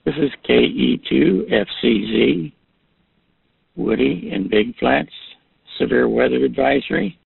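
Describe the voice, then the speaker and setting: Raspy, gravelly man checking in by radio over a dry, tinny transmission. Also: mid-range voice, a little slow, dry recording. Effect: radio transmission with static.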